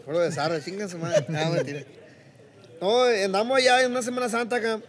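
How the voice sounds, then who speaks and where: A man's voice: high-pitched, fast talker. A young man, telling a rambling, profane story in casual podcast chat. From Mexico. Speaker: podcast guest.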